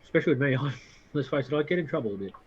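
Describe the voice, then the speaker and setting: A man's voice: medium pitch, expressive, rapid-fire, darkish tone, breathy edge, highs cut off. A man playing his character in a tabletop game, rambling and poking fun at himself. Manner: rambling, self-mocking. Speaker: player. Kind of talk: in-character tabletop role-play.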